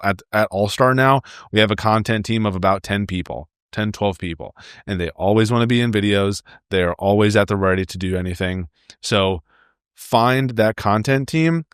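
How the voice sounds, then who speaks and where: A man's voice: on the low side, dry recording, clean studio sound. Upbeat man hosting a solo podcast. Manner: friendly, upbeat, speaks directly to listeners. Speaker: podcast host. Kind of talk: solo podcast advice talk.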